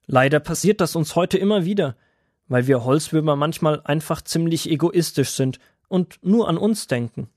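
A man's voice: on the high side, expressive, normal speed, dry recording, studio quality. A man doing a kindly old grandfather woodworm. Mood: gentle. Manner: gentle, patient, fatherly. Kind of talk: children's audio drama.

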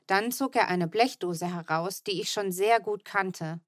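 A woman narrating a children's audiobook in an expressive, lively storytelling manner. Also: mid-range voice, measured pace, no echo, clean studio sound.

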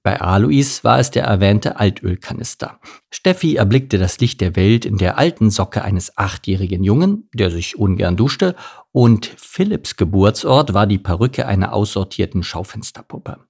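Male narrator for a children's audiobook: low, gravelly, playful, talks directly to listeners. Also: expressive, moderate pace, darkish tone. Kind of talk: scripted narration of a children's story.

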